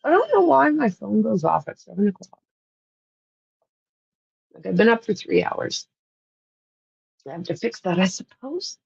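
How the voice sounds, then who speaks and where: A Canadian-accented woman hosts a livestream, chatting casually and rambling with viewers while laughing often. Her mid-range voice is very animated yet unhurried, gravelly and slightly rough with a darkish tone and long pauses. The recording has no room sound and dull audio.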